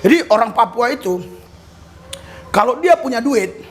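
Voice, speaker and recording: An Indonesian man preaching a sermon, telling a personal story with loud cries, low asides and laughter. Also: animated, unhurried. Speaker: pastor.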